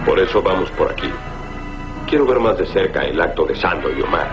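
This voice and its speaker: A man's voice: deep voice, expressive, fairly quick. A man voicing an upright, confident superhero soldier in a dubbed cartoon, speaking in a firm, declamatory way. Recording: dull lo-fi soundtrack under loud music.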